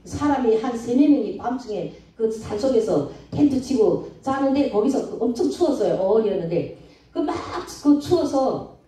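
A middle-aged woman evangelist from Korea, telling her conversion story in an animated church testimony and acting out her own pleading. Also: on the high side, normal speed. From North Korea. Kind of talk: emotional testimony at a church revival. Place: church sanctuary. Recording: echoey church hall, mic at a distance.

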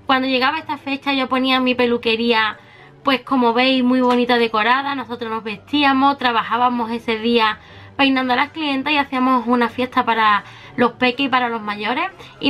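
Mujer española charlatana, voz aguda. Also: female voice, high-pitched, fairly bright tone. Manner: chatty, fond of diminutives, shows each item. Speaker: beauty vlogger. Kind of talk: makeup haul video.

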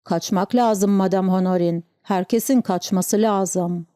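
A woman's voice: mid-range voice, steady tone, measured pace, mellow, clear, resonant tone, dry recording, studio quality, lightly acted. A woman voicing a frightened, superstitious sailor from an island, speaking in an anxious, stammering way. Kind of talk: audiobook character reading.

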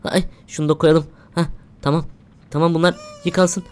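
A woman's voice: sits low, little pitch movement, moderate pace, darkish tone. A woman playing a horror game, talking to herself as she goes, jumpy and easily frightened. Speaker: gamer. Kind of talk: horror game let's play commentary.

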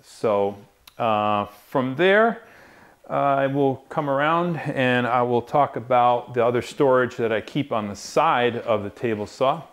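A man's voice: mid-range voice, takes it slowly. A man in his forties giving a casual, rambling tour of his garage woodworking shop, with lots of fillers and restarts. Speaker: woodworking channel host. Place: two-car garage workshop.

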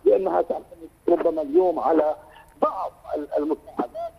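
An Iraqi man, director of a human rights office, speaks haltingly in a live news interview over a phone line that keeps breaking up. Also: sits high, big pitch swings, creaky, a little hiss or hum. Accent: Iraqi Arabic. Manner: halting, repeats words while searching for them. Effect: choppy, breaking-up phone audio. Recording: dull lo-fi phone line that cuts out.

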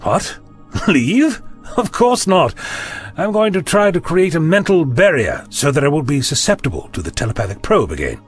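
A man's voice: fairly high pitch, sing-song, moderate pace, husky, soft background music. A man playing an eccentric time traveller in a sci-fi audio drama, theatrical and polite in his wordy speech. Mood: calm, confident. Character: eccentric male time-travelling Doctor, polite and stubbornly confident.

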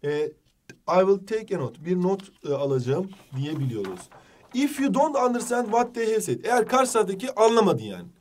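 A man teaching a jokey exam-prep lesson, with a Turkish accent, reading English phrases slowly. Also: sits high, sing-song, darkish tone, far from the mic, a little hiss or hum.

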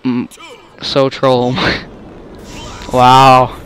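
Slow-talking young man narrating gameplay. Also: medium pitch, steady tone, fairly bright tone, slight background noise. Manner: rambling, self-interrupting, easily exasperated. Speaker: gamer. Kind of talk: casual gameplay commentary.

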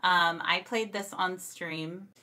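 A woman hosting a relaxed gameplay session, chatty and teasing with her friend. Her voice sits fairly low, yet the tone is bright and forward. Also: takes it slowly. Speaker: channel host. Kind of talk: casual gameplay commentary.

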